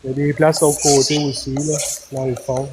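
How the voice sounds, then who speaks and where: A man's voice: medium pitch, flat delivery, a little fast. Quebec man live-streaming, noisy background. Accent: Quebec French. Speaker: paranormal live-stream host. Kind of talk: casual live-stream chat and spirit questioning. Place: abandoned hangar.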